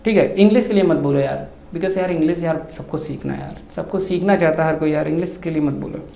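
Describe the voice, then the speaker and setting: A man's voice: a little high, fast, gravelly, warm tone. Chatty man in an echoey room. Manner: chatty Hindi-English mixing, keeps saying yaar and bhai. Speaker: YouTuber replying to viewer comments. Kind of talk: casual talk to camera.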